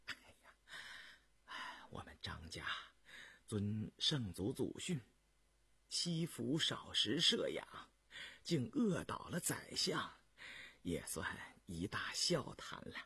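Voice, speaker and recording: A man voicing a weak, elderly male chief minister who speaks slowly in a hushed, breathy voice. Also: big pitch swings, no echo, exaggerated voice. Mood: weak, apologetic. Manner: low, hushed and slow with breathy sighs. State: weak from hunger. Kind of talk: storytelling radio reading.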